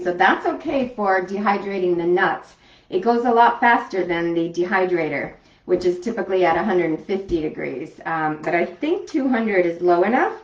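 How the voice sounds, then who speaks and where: Chatty woman in an echoey kitchen. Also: mid-range voice. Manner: chatty, rambling, frequent ums. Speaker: home cooking vlogger. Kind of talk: casual kitchen demonstration. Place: home kitchen. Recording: echoey room, distant dull mic.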